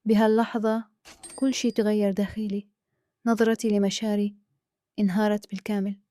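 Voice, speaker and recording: A woman with a Kuwaiti accent telling a dramatic first-person story in a soft, earnest way. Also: mid-range voice, level tone, brisk, dry recording, studio quality. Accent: Kuwaiti Arabic.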